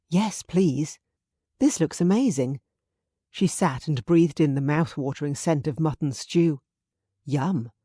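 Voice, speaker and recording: A woman narrating a romance audiobook in a smooth, even storytelling manner. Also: sits low, no echo, clean studio sound. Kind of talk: scripted narration.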